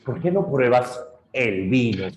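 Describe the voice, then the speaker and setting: A man's voice: medium pitch, expressive, slow. Guy putting on a big dumb greedy cyclops, growly then wailing, echoey room. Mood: coaxing. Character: brutish male cyclops giant, crude and gluttonous. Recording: roomy echo.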